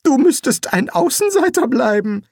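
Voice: sits high, sing-song, normal speed, darkish tone, slightly rough, dry recording, studio quality, pitched above the performer's own voice, full character voice. A reader voicing a nervous, cowardly male wizard in an audiobook, hesitant and flustered. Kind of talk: audiobook character voice.

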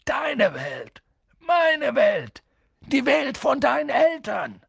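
A man reading an audiobook and voicing a huge, hot-tempered but kind male giant who swings between hushed whispers and booming shouts. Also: big pitch swings, measured pace, vocal fry, husky, dry recording, clean studio sound, heavily acted. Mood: indignant.

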